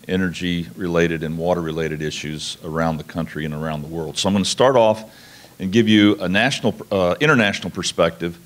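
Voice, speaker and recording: A man from New Mexico, giving a conference presentation in an informal, folksy, explanatory way. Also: deep voice. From New Mexico, United States. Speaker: conference speaker, national laboratory researcher.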